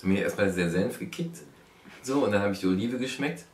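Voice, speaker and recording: A man's voice: fairly low pitch, fairly quick. A man in his thirties chatting casually as he takes part in a food challenge vlog. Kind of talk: casual chat. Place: living room on a couch. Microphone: camera a step or two away. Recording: roomy, distant mic, loud noise, clatter.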